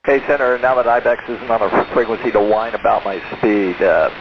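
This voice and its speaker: A man's voice: lowish voice, brisk, soft background music. A man talking as a pilot over a radio link with bursts of static, casual and hesitant, with fillers. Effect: radio transmission with static bursts. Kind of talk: radio exchange with air traffic control. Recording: muffled radio with loud static.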